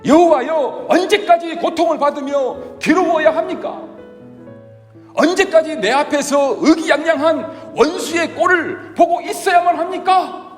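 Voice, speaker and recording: An anguished ancient king, as a man reads him aloud, hurls a pleading, accusing lament at heaven. The voice rides high and loud, sharp with pain. It rings through a reverberant hall with faint music underneath. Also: unhurried.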